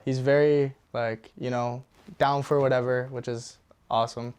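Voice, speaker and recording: A young man from Ontario, speaking warmly about his friends in a documentary interview. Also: mid-range voice, flat delivery, normal speed, clear, resonant tone. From Ontario, Canada. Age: young adult.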